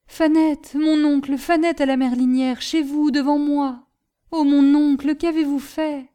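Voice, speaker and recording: A woman's voice: high-pitched, normal speed, mellow, pitched above the performer's own voice, close to an everyday voice. A woman voicing an anguished young lieutenant. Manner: pleading, tearful, agitated.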